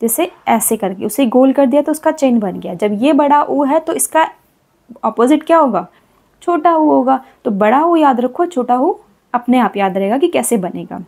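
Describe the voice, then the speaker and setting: A woman teacher explaining Hindi vowel signs to children, repeating example words slowly and patiently. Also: sits high, animated, gravelly, darkish tone, breathy edge.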